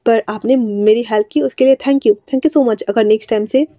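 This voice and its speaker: Woman reading an innocent, eager young man for a storybook, high-pitched and dry, lo-fi recording. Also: steady tone, moderate pace, dry recording, lightly acted. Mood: earnest. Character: naive sweet young man, childlike and eager.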